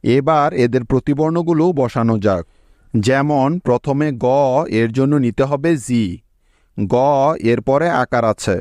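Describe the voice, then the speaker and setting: A man teaching English spelling step by step, explaining each letter and syllable in a slow, patient voice-over. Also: medium pitch, darkish tone, no echo, studio quality. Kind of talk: spelling lesson narration.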